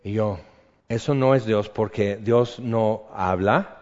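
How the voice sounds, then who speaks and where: Male preacher, low voice, conversational sermon storytelling, dull reverberant hall recording. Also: takes it slowly. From rural upbringing. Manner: conversational storytelling, drops to quiet asides. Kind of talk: sermon with personal story and Bible reading.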